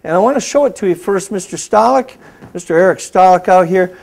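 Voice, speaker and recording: Guy hosting a safety show, calls out self-defense moves step by step, kinda high voice. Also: lively intonation, brisk, vocal fry, darkish tone. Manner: coaching, giving step-by-step commands. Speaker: host and martial arts instructor. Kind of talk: instructional demonstration, talk show.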